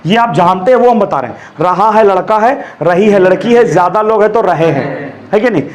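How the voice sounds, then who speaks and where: A man with a very high voice teaches a grammar lesson to a room of students. He talks in a loose, joking way and keeps asking whether they understand. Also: expressive, a little fast. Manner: chatty, joking, asks "है कि नहीं?" often. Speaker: English teacher. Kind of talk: classroom lesson. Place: classroom with students.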